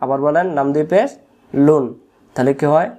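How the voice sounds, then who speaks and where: Slow, patient male tajweed teacher. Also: on the high side, dark tone. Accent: Bangladeshi Bengali. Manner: slow, repeats each sound for learners to follow. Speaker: Quran recitation teacher. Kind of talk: tajweed lesson.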